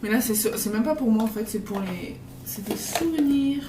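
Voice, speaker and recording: A woman's voice: a little high, expressive, moderate pace. Rambling young woman vlogging from afar. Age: 20s. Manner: rambling, filler-heavy, self-correcting. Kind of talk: casual travel vlog chat. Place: hotel room. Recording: roomy, distant, noisy.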